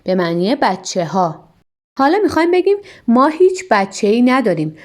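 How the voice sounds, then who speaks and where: Lively woman teaching a language lesson. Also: fairly high pitch. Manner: slow careful repetition of example sentences.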